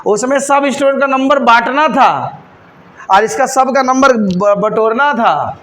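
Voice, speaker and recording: A male coaching-class teacher teaching math to a live class. He quizzes his students constantly, scolds and teases them, and slows down to spell out each step. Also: very high voice, fairly bright tone. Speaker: teacher for government exam coaching.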